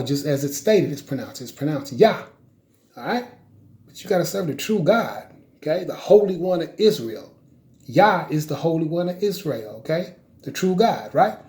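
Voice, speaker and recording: Guy preaching casually over slides, voice a bit high, keeps asking "right? okay?", stretches out the big words. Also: darkish tone. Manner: conversational, many "right?" and "okay?" tags. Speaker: religious teacher. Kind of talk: informal religious teaching over slides.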